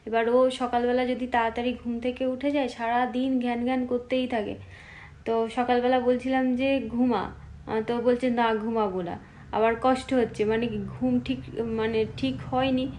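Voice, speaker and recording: A woman vlogger in her thirties talking casually and softly about her shopping and home. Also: a little high, little pitch movement, moderate pace, slight background noise. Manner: soft-spoken, hushed so a child can sleep.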